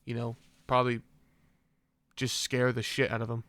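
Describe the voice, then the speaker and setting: Speaking in a monotone at normal speed, a reaction video host with a medium-pitched, fairly bright voice gives slangy commentary, thinking aloud, letting out exclamations, and reading words from a screen. The recording itself is dry, though music plays behind him.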